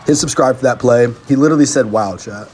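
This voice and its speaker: A young man giving casual, excitable live commentary on his own gameplay, talking slangily to his viewers. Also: mid-range voice, quick pace. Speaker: gaming channel host. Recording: faint music underneath.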